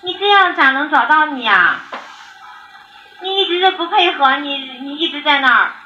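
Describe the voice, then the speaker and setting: On a landline, a female emergency dispatcher insistently and impatiently repeats her questions and instructions. Her voice sits high, animated and bright, with a forceful tone at a moderate pace. The call recording is roomy, with faint noise.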